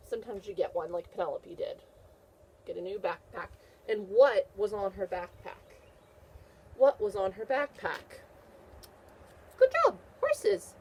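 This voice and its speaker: A woman teacher reads a picture book aloud to young children, encouragingly repeating questions and answers and praising her listeners. Her medium-pitched voice is creaky and darkish, and the rough recording carries slight background noise.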